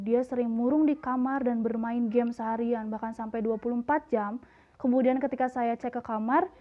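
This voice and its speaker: A woman's voice: sits high, phone-quality sound, lightly acted. A woman playing a worried mother giving colloquial, plaintive testimony in a parody news interview.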